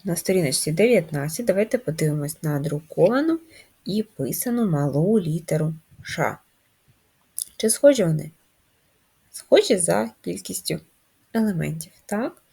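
Female first-grade teacher; lively rising and falling pitch, unhurried, slightly breathy. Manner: slow, drawn-out, sing-song teacher talk. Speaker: primary school teacher. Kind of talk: first-grade literacy lesson.

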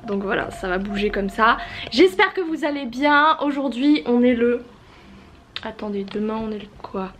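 Young woman w a blocked nose rambling in her writing vlog, kinda high voice, swears a lot. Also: animated, normal speed, soft background music. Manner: rambling, informal, with slang and swearing. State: stuffy nose. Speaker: writer vlogging her progress. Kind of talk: casual chat.

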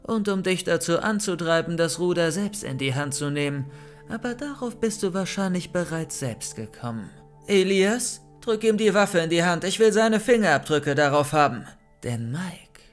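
A man's voice: fairly high pitch, close to an everyday voice. A man voicing a scheming young woman villain in an audiobook, cold and mocking. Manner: mocking, gloating.

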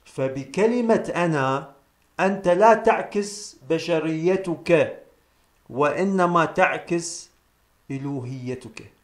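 Guy doing a slow spiritual talk, says the big lines twice, kinda high voice, roomy echo. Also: animated. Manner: repeats key phrases slowly for emphasis; addresses listeners as brothers and sisters. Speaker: presenter of a spiritual self-help series. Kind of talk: solemn metaphysical teaching monologue. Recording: echoey room sound.

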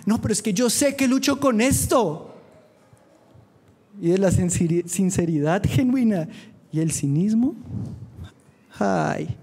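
A man preaching to young people with a fervent drive. His voice sits high, and he mixes earnest appeals with quick, joking asides. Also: warm tone. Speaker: youth preacher. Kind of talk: sermon. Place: church youth meeting.

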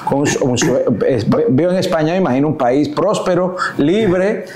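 A man's voice: a little high, moderate pace, darkish tone. A man in his thirties with a Dominican Spanish accent, hosting an interview with short prompts and affirmations. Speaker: host. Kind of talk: interview host. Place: indoor living room set. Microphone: lapel mic. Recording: roomy echo.

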